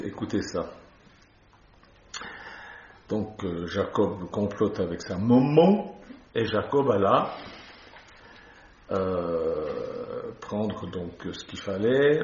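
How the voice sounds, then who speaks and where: A man's voice: fairly low pitch, a little hiss or hum. Man, preacher, scripture reading with casual asides, echoey space, slightly muffled sound. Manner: reads scripture with chatty, playful asides. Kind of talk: sermon, Bible reading with commentary. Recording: echoey, slightly dull recording.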